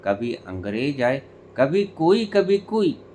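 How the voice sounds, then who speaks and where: Slow, animated male spiritual teacher. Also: mid-range voice, slight background noise. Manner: emphatic, rhetorical questions, deliberate pauses. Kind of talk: spiritual discourse.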